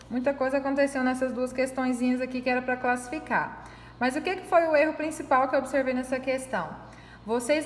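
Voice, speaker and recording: A woman teacher with a high-sitting voice reviews a corrected test with her students, patiently walking through each answer step by step and checking in with frequent tag questions. The room is echoey with long reverb, and there's slight background noise.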